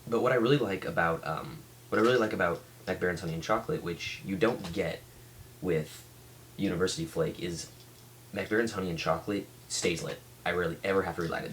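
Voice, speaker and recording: A man giving a casual, rambling product review as a vlog reviewer, speaking haltingly and often restarting his sentences. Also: deep voice, fairly bright tone, a little hiss or hum. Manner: halting, with many restarts and trailing thoughts. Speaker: pipe tobacco reviewer.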